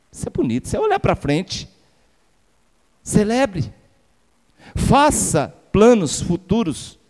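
A Brazilian pastor preaches with a notably high voice for a man, his words ringing out in a church sanctuary with a long reverb. He drives his sermon with rhetorical questions and calls for amen. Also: darkish tone. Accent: Brazilian Portuguese.

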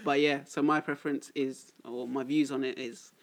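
A man's voice: medium pitch, level tone, normal speed. A young man, steering a casual discussion as podcast co-host. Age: young adult.

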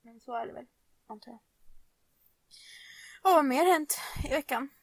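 High-voiced young woman, animated storyteller. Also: no echo. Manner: animated storyteller, laughing, swearing. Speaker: podcast co-host. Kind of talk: casual chat.

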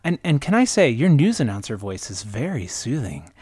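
A man's voice: medium pitch, very animated, normal speed, a little mellow, husky, no echo, studio quality. A man co-hosting a podcast in casual chat, enthusiastic and rambling, calling himself a nerd. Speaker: podcast co-host.

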